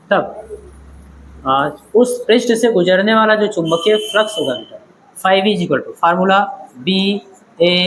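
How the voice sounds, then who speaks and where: In a classroom lecture, a man with a high-pitched voice teaches physics, posing questions and making sure his students keep up. He addresses them as "beta." The recording is low quality, with slight background noise.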